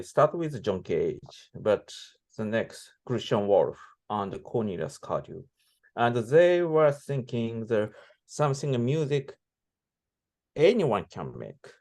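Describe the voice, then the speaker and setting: A man giving reflective interview answers as a composer, speaking halting non-native English with broken grammar. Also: medium pitch. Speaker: interviewee, composer and sound performer.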